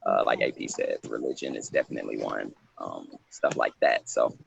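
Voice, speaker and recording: A man's voice: very deep voice, normal speed, vocal fry, muffled recording, slight background noise. A man who is a poet, talking reflectively and informally on a panel in a loose, rambling way. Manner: loose, rambling, frequent "you know".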